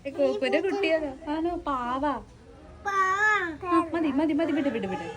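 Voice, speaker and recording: A woman's voice: high-pitched, fairly quick. A young woman, chatting playfully and teasing in a casual family talk. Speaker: relative, cat owner. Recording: loud background noise.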